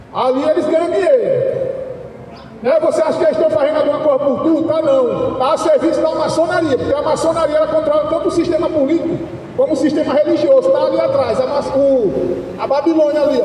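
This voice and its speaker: Man, street preacher, shouting, very high voice, distant, very echoey. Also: slight background noise. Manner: shouting, insistent, repeats "né?". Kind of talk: fiery street sermon. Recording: echoey, distant, reverberant outdoor sound.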